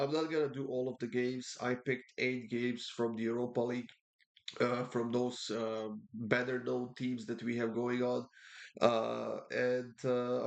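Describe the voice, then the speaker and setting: Stuffed up with a cold, a sports betting tipster runs through soccer picks in a mid-range voice with vocal fry. The preview is casual and halting, full of "uh" fillers and repeated words.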